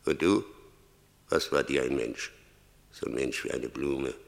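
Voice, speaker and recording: An actor playing Death in a German radio play, a stern, merciless grim reaper scolding and commanding. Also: male voice, unhurried, heavily acted. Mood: scornful, commanding. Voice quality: gravelly, very deep. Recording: long cavernous reverb.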